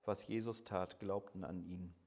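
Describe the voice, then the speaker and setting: A man's voice: low-pitched, steady tone, unhurried, darkish tone. A middle-aged man preaching a sermon in a conversational way, asking the listener direct questions and acting out the voices of imagined people.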